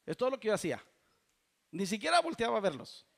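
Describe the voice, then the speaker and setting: A man's voice: high-pitched, huge pitch swings, fast talker, creaky, fairly bright tone. A man, preaching a fervent sermon as pastor and often addressing the congregation as brothers. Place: church.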